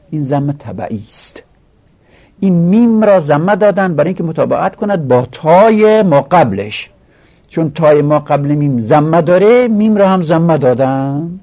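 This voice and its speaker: A man's voice: on the high side, warm tone. A man teaching an Arabic grammar lesson, explaining step by step and repeating each rule.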